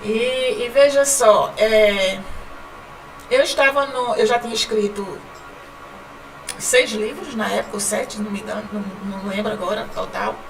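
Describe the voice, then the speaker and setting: A woman from Northeast Brazil, founder of a writing company, chats casually as a podcast guest with a northeastern Brazilian accent, laughing often and repeating words. Her mid-range voice has vocal fry and a moderate pace. The audio is poor, recorded from a distance with faint music behind.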